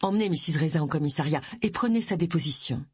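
Woman doing a male detective, curt, commanding, husky, dry sound. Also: low-pitched, expressive, quick pace, darkish tone, dry recording, exaggerated voice. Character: brisk male police detective, calm authority.

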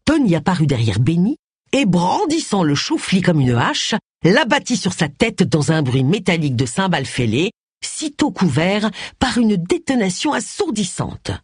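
Brief: audiobook narrator, dramatic and lively pitch, close dry recording. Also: moderate pace, slightly rough, no room sound. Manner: expressive, dramatic reading. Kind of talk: scripted narration.

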